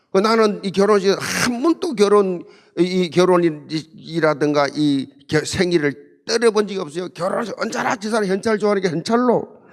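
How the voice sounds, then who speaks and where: A middle-aged man, preaching an emphatic, humorous sermon with lots of repetition and call-and-response. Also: sits high. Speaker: pastor. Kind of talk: sermon at a marriage seminar. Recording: long hall reverb.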